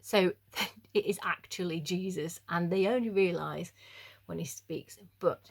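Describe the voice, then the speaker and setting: A young woman speaks to a youth group in a relaxed, chatty way. She jokes at her own expense and fills her talk with ums and likes. Her voice sits a little low for a woman. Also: unhurried, creaky, husky. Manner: chatty, jokey and self-deprecating, with frequent fillers. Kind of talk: casual youth devotional talk.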